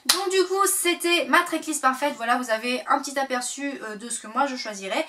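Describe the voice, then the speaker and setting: A woman chatting casually to camera as a vlogger, full of fillers and sudden excited bursts. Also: high voice, fairly quick, distant mic, background noise.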